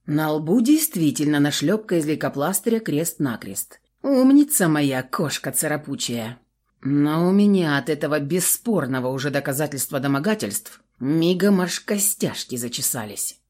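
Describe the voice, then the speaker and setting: A woman narrating a novel in the first person with expressive, coarse, slangy delivery. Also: low-pitched, moderate pace. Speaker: audiobook reader.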